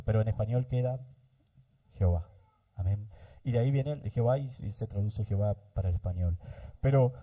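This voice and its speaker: A man preaching a sermon as pastor, explaining slowly with pauses and restarts, often addressing his listeners as brothers and adding amens. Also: medium pitch, dark tone.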